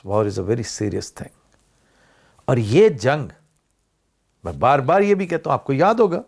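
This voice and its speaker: An older man talks through his thoughts in a casual vlog. His voice sits fairly high and swings widely, climbing on emphatic points and dropping low to close each thought. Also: a little mellow. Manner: discursive, rising and falling emphasis, mixes in English words. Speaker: vlog host.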